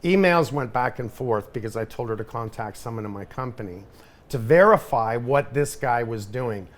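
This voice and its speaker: A middle-aged man tells a story on his own podcast in an animated, emphatic way. His speech is casual, and he keeps circling back to the same points. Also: mid-range voice, moderate pace. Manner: animated, emphatic, repeats himself. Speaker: podcast host.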